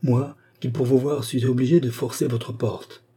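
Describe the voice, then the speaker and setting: Guy doing earnest young man pleading, dark husky voice. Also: mid-range voice, fairly even intonation, moderate pace, voice pushed up. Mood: respectful.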